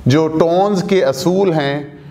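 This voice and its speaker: Slow, high-voiced male language teacher. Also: warm tone. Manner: deliberate, repeats terms and asks himself questions. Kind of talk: explanatory language lesson. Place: studio.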